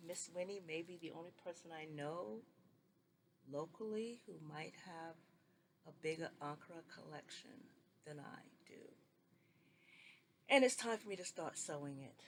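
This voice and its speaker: A woman's voice: lowish voice, measured pace, slight background noise. A middle-aged woman who grew up in New York, chatting enthusiastically and meanderingly as she shows fabrics from her sewing collection at home. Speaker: sewing vlogger. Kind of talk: casual chat showing fabrics.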